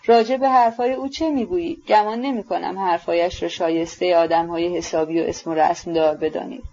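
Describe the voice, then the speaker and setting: A woman's voice: fairly low pitch, fairly even intonation, warm tone, highs cut off. A woman voicing a proud, bitter and reckless young woman with a scornful, mocking manner, in an audiobook. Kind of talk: audiobook character reading.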